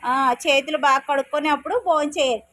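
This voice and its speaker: Very high-voiced woman teaching small children. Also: steady tone, fast, fairly bright tone. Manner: asks the children questions and repeats answers back; firm, simple commands to children. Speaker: preschool teacher. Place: classroom.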